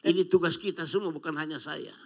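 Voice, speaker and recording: Older man preaching, voice a bit high. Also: fast, vocal fry. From Indonesia. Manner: call-and-response preaching with frequent amens. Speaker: pastor. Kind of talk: sermon.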